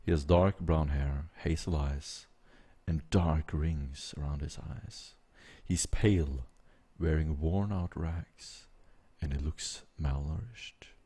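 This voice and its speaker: A man's voice: extremely low pitch, slow pace, warm tone, breathy edge. A man narrating a tabletop role-playing game as game master.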